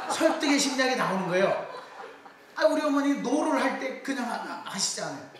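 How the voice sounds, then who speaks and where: Recorded from far off in an echoey hall with slight background noise, a middle-aged man with a very high voice lectures on public speaking. He tells stories in a lively way, quoting the voices of the people in them.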